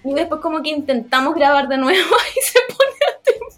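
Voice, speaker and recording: A woman's voice: high-pitched, big pitch swings, brisk, a bit bright. A young woman with a Chilean accent, co-hosting a casual chat with giggly, slang-filled banter. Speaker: podcast co-host.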